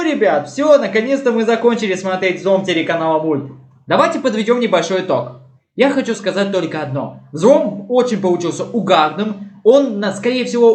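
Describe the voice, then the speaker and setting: A man hosting a reaction video with casual, chatty commentary. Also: high-pitched. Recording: echoey room.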